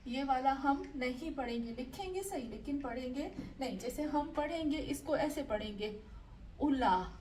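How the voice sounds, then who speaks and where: A high-pitched woman teaches tajweed at an unhurried pace, drilling each word patiently. She sounds set back from the microphone, with a faint hiss of background noise on the online class audio. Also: animated, a little mellow, distant mic, low-quality recording. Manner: slow, patient drilling of pronunciation, repeating words. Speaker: Quran recitation teacher.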